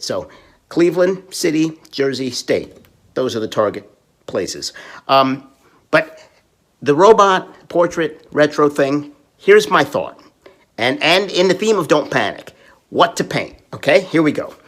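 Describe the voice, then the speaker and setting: Husky-voiced man joking wryly. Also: medium pitch, fairly bright tone. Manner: wry, self-deprecating, offhand. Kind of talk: casual joking video message.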